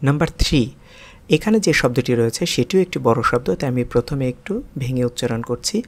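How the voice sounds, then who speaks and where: A man teaching an English vocabulary lesson. He explains each word slowly, breaks long words into parts, repeats them, and puts questions to the viewers. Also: mid-range voice, lively intonation.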